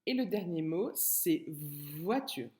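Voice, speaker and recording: A woman teacher giving a remote phonics lesson to a young child, slowly repeating and stretching letter sounds with patience. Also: lowish voice, animated, dark tone. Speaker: kindergarten teacher.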